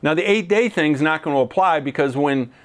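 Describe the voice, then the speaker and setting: A man giving a conversational sermon, casual and joking, often slowing down for emphasis. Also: fairly high pitch. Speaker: Bible teacher.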